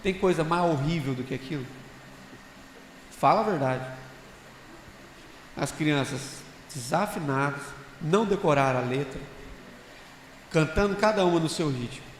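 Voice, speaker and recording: A man's voice: fairly high pitch, a little slow, long pauses, slight background noise. Man telling stories in an echoey church hall. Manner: storytelling with rhetorical questions. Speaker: conference panelist sharing reflections. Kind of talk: casual church panel talk. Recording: echoey hall with long reverb, faint ambience.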